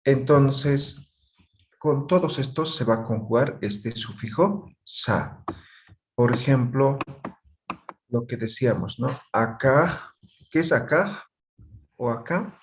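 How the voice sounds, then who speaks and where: A man's voice: medium pitch, expressive, slow, pauses often, a little hiss or hum. A man teaching a language class, explaining patiently and often checking that students follow. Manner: patient, checks understanding with frequent tag questions.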